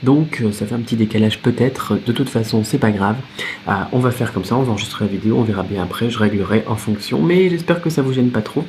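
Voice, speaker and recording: Male language teacher, casual vlog to camera, chatty and animated, faint background noise. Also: medium pitch, quick pace. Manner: chatty, lively, many fillers and restarts. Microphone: separate microphone.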